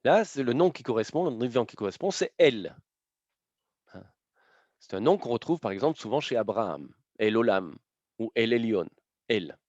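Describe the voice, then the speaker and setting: A man lectures an audience in a dry, close-sounding space with a slightly dull, lo-fi tone. His voice sits at a middle pitch. He walks through his points step by step, checking in with quick tags. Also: lively intonation, a little mellow, no room sound. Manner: explanatory, punctuated by frequent tag questions.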